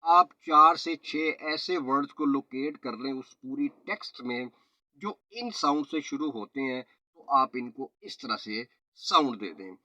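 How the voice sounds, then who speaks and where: A man, a trainer explaining pronunciation in a slow, step-by-step lesson. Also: mid-range voice, expressive, sharp tone, no echo. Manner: slow, explanatory, mixes in English phrases and tongue twisters. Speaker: IELTS and PTE trainer. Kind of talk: spoken teaching lesson. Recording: slightly dull, lo-fi audio.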